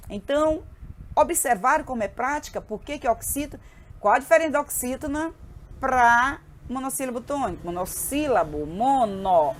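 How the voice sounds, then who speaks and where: A woman's voice: sits high, slight background noise. Patient woman teaching a grammar lesson. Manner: spells out letters slowly, asks frequent check-in questions.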